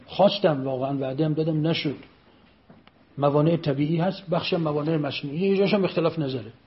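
A man giving an emphatic political speech, repeating phrases and firing pointed rhetorical questions. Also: on the high side. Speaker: speaker addressing an audience. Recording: dull lo-fi recording.

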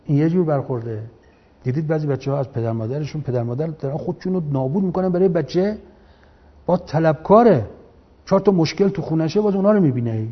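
A man giving an impassioned lecture to young listeners, firing rhetorical questions and rising to forceful peaks. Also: a little high, lively intonation. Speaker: religious lecturer. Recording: dull lo-fi recording.

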